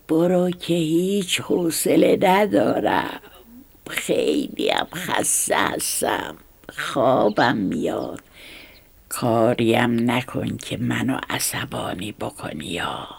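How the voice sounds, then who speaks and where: Woman whispering a boastful storybook snake, husky and low, sleepy menace, whispered role-play. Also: heavily acted. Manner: drowsy, threatening, boastful. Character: smug lazy bullying male snake.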